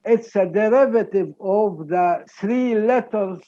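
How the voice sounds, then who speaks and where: A man with an Egyptian Arabic accent giving an academic lecture, explaining deliberately and checking in with "okay?". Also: sits high, mellow, highs cut off.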